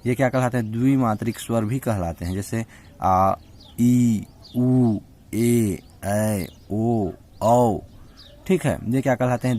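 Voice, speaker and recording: A male teacher with a somewhat low voice, walking through a lesson at an even teaching pace. He keeps asking questions and answering them himself, stretching out sounds to demonstrate them and checking in again and again. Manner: repeats "ठीक है" as a constant check-in; draws out example vowel sounds slowly. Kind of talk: spoken Hindi grammar lesson.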